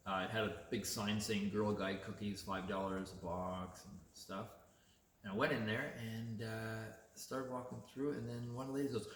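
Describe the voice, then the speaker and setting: Guy rambling through a story, kinda low voice, echoey room. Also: normal speed. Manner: chatty, animated retelling with laughs. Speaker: vlogger. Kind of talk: casual storytelling.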